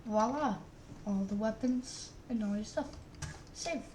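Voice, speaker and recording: A woman YouTuber reviews a game mod, narrating the on-screen action as she plays in a loose, rambling way. Her voice is on the high side and a little slow, with background noise and a roomy, distant mic buried under loud game music.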